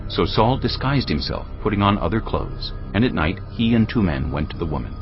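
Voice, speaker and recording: A man narrates a dramatized audio production, reading scripture in a scripted storytelling style. His voice is on the low side, animated and fairly quick. The studio reading sounds muffled, with faint music behind it.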